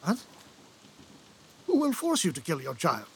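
An actor playing a remorseful royal brother in an earnest, pleading stage delivery for an audio drama. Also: male voice, a little high, huge pitch swings, unhurried, vocal fry, breathy edge, full character voice. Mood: firm.

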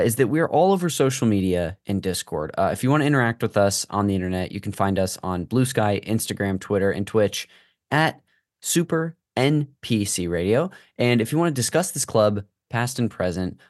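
A man with a slightly low voice hosts a casual podcast. He rambles playfully and builds things up with comic exaggeration. The recording is dry and close. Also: darkish tone, no echo. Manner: rambling, playfully hyperbolic introductions. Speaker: podcast host. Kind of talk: casual hosting banter.

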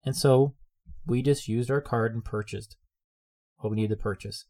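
Male preacher, mid-pitched, earnest sermon delivery with lots of repetition. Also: fairly even intonation, moderate pace, warm tone. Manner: earnest, repeats phrases for emphasis.

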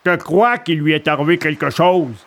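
A man's voice: on the high side, fairly quick, gravelly, fairly bright tone. A man voicing a stern adult gendarme who interrogates and gives curt military orders, in a storybook reading.

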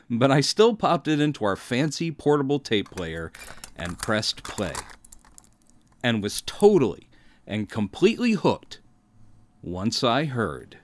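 An American podcast host in his fifties from Mississippi narrates scripted autobiographical material in a wry, theatrical storytelling style. His voice is a little high, and the recording carries slight hiss or hum.

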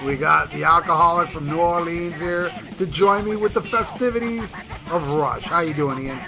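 A man's voice: fairly high pitch, normal speed, gravelly. A man hosting a podcast in casual, irreverent chat, given to teasing and mock ranting. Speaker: podcast host.

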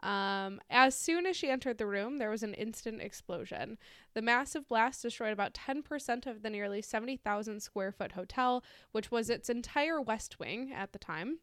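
A woman's voice: on the high side, animated, normal speed, a bit bright, smooth, no room sound, clean studio sound. A woman hosting a podcast, reading out ghost stories in a casual, giggly, informal way. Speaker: podcast host.

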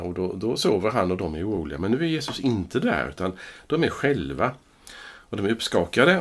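A man, a priest hosting a podcast, reads scripture slowly and with measure, then muses thoughtfully in a casual Bible discussion. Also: sits low. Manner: slow, measured reading, then thoughtful musing.

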